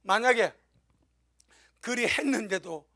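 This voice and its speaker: A man's voice: high-pitched, expressive, takes it slowly, sharp tone. A male pastor preaching a sermon in church, emphatic and exclaiming, sometimes crying out in prayer. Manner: emphatic, exclaiming, pleading with God.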